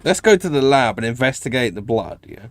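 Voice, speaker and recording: A man's voice: mid-range voice, very animated, brisk, no room sound. A man giving casual let's play commentary, thinking aloud and often checking himself with tag questions. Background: game music.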